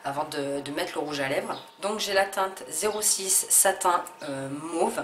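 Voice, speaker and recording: A low-pitched woman talks through a beauty haul in a casual, hesitant way, full of fillers and restarts. Her voice rings in an echoey room with a faint hum of ambience behind it. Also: unhurried, fairly bright tone. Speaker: beauty vlogger.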